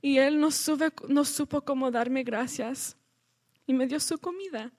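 A woman shares a testimony in church. She tells it earnestly and conversationally, stopping to restart her sentences, in a fairly high voice. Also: a little slow, darkish tone. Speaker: church member sharing a testimony.

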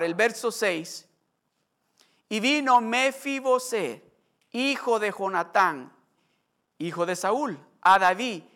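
A male preacher giving an impassioned sermon that swells in loudness on repeated lines, switching between Spanish and English. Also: high voice.

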